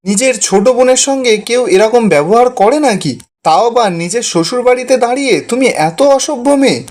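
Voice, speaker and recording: A man's voice: very high voice, brisk, darkish tone, pitched above the performer's own voice. A man reading the lines of a stern, angry old grandaunt in a serial recap, in a scolding, indignant manner.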